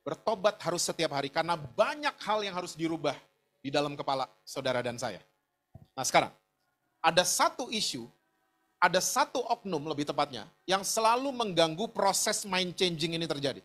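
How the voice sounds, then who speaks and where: A man's voice: a little high, expressive, moderate pace, a bit bright. A middle-aged man preaching a sermon, telling a personal story with frequent asides to the congregation. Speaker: pastor.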